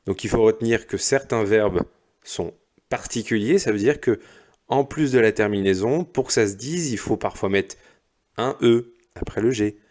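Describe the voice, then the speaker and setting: Patient low-voiced male teacher. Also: a little mellow. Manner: slow, patient, explains step by step. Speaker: primary school teacher. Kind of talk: recorded lesson correcting exercises.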